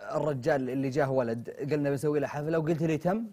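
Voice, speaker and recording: A man's voice: fairly high pitch, racing, dark tone. A young Saudi man hosting a comedy sketch, insistent and exasperated, repeating himself as he presses his point. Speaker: comedy show host. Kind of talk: comic sketch dialogue.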